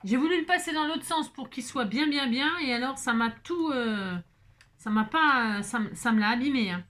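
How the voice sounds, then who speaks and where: A woman's voice: high voice, moderate pace, fairly bright tone. A woman talking casually while making a card, chatty and self-mocking with frequent exclamations. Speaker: crafting vlogger. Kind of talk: chatty crafting tutorial.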